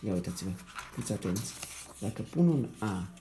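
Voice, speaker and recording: A man teaching young children a reading lesson. He sounds out syllables slowly, repeats them, and keeps checking in with the class in a patient, encouraging way. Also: fairly low pitch, lively intonation, warm tone, slight background noise. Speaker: primary school teacher.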